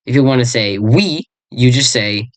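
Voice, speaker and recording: A person giving a casual lesson on an invented language, rambling, searching for words and correcting themselves, and repeating words slowly. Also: medium pitch, no echo.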